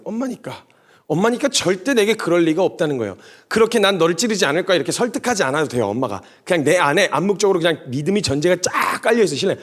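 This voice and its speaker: A man preaching a sermon to young adults, animated and storytelling with humorous asides. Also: on the high side.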